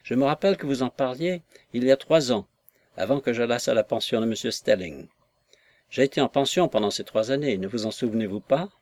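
A man's voice: mid-range voice, brisk, darkish tone, close to an everyday voice. A man voicing a dutiful sixteen-year-old boy who speaks earnestly and reassuringly in an audiobook reading.

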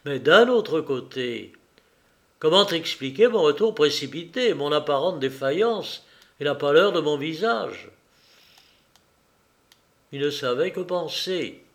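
A man reading a first-person novel aloud as an audiobook narrator, in a measured, deliberate way. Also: a little high, expressive.

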